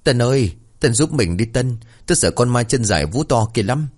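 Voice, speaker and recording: A man's voice: fairly low pitch, animated, brisk, darkish tone. A man doing a stammering, scared old villager. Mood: pleading. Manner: stammering, pleading.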